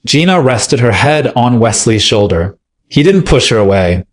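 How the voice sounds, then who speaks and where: A man reading a dramatic first-person story aloud as scripted narration, in a steady, measured way. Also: mid-range voice.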